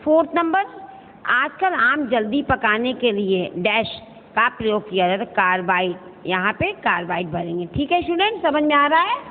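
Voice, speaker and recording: A woman's voice: fairly high pitch, lively intonation, moderate pace. Patient woman teacher on a tinny recording. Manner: patient, explains step by step, addresses students as beta and checks if they understand. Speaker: school Hindi teacher. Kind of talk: recorded online lesson going through a worksheet. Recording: echoey, tinny phone-like recording with faint hiss.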